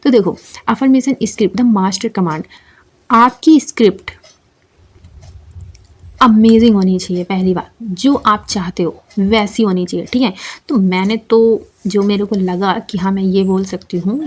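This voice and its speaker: A woman's voice: mid-range voice, a little mellow. A young woman giving a casual, chatty lesson, repeating phrases and often checking that listeners follow. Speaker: manifestation coach. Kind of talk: casual instructional talk to camera.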